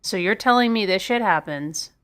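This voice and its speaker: A woman streamer giving let's play commentary and reading game text aloud, her mic clipping and distorting on loud words. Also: mid-range voice, expressive, moderate pace, smooth. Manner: reads game text aloud, reacts with laughs. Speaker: gaming streamer.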